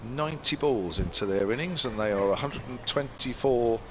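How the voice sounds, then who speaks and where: A man's voice: medium pitch, normal speed. A man working as a cricket commentator, giving live play and match updates in short, chatty phrases. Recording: clear outdoor ambient noise behind voice.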